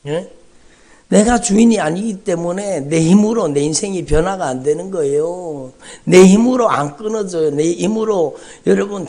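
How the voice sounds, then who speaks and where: A middle-aged male pastor preaching an impassioned sermon, acting out prayers and shouted cries, then dropping to hushed asides. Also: fairly high pitch.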